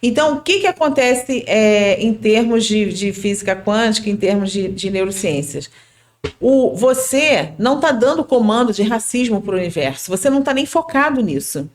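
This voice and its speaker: A woman's voice: on the high side, lively intonation, moderate pace. A woman with a Brazilian accent, a podcast guest explaining her ideas earnestly and checking that listeners follow. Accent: Brazilian Portuguese. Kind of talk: casual explanatory chat.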